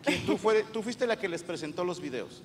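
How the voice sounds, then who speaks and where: A man's voice: sits high, lively intonation, moderate pace. A man with a Mexican accent, a comedian interviewing audience members with teasing, crude banter at a live show. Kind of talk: crowd-work comedy interview. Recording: live venue reverb, audience noise.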